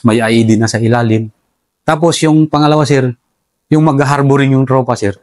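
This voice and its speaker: A soldier telling how the enemy operated, in a relaxed interview, respectfully calling his listener sir throughout. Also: mid-range voice, a little fast, no echo. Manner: respectful, says "sir" constantly. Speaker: soldier recounting enemy tactics. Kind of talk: casual interview storytelling.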